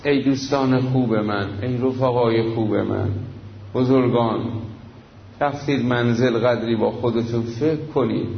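A man's voice: medium pitch, vocal fry, slight background noise. A man preaching a mourning sermon to a congregation, speaking to them directly and drifting into a chanted lament. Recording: echoey dull recording in a large hall.

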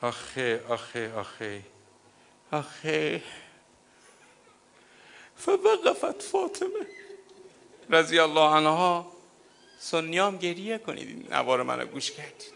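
A man preaching a sermon as a cleric, emotional and swinging between loud and hushed, reading Arabic passages aloud and explaining them. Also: fairly high pitch, vocal fry, a little hiss or hum. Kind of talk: sermon reading from a history book.

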